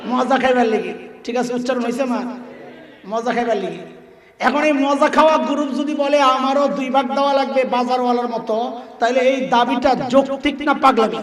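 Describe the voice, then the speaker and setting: A man's voice: very high-pitched, normal speed. A man preaching an Islamic sermon to a crowd, quizzing the audience call-and-response style and acting out voices. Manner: acts out voices in quotes. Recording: echoey hall from far off.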